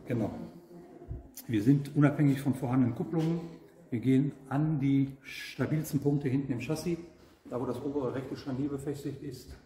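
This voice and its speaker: In a big indoor camper showroom, a middle-aged guest seller pitches a product at normal speed, his medium-pitched voice dark in tone. He sounds earnest but hesitant and leans on fillers, while the hall adds long reverb and a slight background noise sits underneath.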